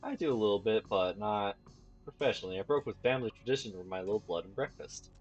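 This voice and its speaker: A man voicing a creepy, grinning male innkeeper with a lisp who stresses words oddly, in a low, husky voice. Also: quick pace, muffled recording, soft background music. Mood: creepy cheerful. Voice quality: lisp, odd emphasis on words.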